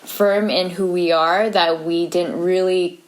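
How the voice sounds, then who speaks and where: A young woman in her twenties speaks in casual, heartfelt conversation. Her voice sits a touch low, and she talks earnestly, looping through fillers as she opens up. She is reflective and sincere. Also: fairly even intonation, slow pace. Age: 20s. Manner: earnest, filler-heavy, tearful in places. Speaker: co-host of a couple's channel. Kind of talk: casual testimony chat.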